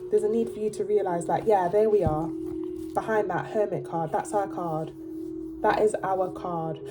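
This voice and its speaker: A woman's voice: medium pitch, moderate pace, music in the background. A woman with a blocked nose giving a casual tarot reading to camera, chatty and emphatic, often checking in with "okay?". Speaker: tarot reader.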